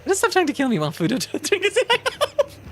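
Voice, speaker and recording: A woman's voice: very high-pitched, huge pitch swings, fast talker, a little hiss or hum. A young woman streaming a video game, chatting casually and rambling with fillers and laughs. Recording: game music playing behind.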